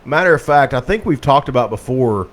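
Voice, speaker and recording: A man's voice: mid-range voice, lively intonation, a little fast. A middle-aged man, co-hosting a podcast in casual joking chat. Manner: laid-back, joking, calls himself a redneck. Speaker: podcast co-host.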